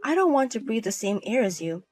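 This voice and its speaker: A woman with a fairly high voice, acting out a scripted drama with a cold, cutting and dismissive manner. Soft music plays under her lines. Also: sing-song, brisk. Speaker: narrator and wife in a voiced story.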